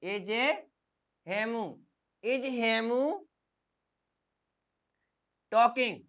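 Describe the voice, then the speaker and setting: Clear-voiced teacher drilling a class. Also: male voice, very high-pitched, extremely slow, a bit bright. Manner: drills by asking and repeating questions. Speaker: English teacher. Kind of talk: classroom grammar lesson.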